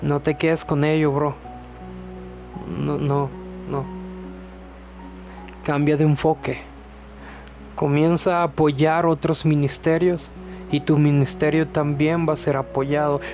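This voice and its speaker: Slow, relaxed young man. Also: fairly high pitch, soft background music. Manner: relaxed, chatty, with many fillers and joking asides. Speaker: podcast host.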